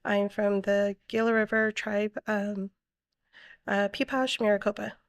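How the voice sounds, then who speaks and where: A woman from Arizona, a guest in an interview, speaking haltingly with many pauses and frequent throat clearing. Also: medium pitch, level tone, no echo, studio quality. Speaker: guest, project coordinator. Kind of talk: casual interview talk.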